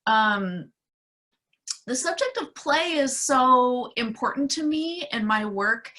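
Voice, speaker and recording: Bright-voiced woman artist on a video call. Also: high voice, animated, slow. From Portland, Oregon area. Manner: warm, earnest, many fillers, gets choked up. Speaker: exhibiting artist. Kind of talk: casual heartfelt remarks on a video call.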